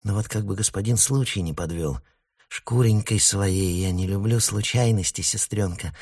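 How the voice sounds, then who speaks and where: A man's voice: on the low side, moderate pace, darkish tone, slightly rough, voice pushed up. A man voicing a nervous, irritable young woman who mutters her lines, in a storybook reading. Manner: muttering, edgy.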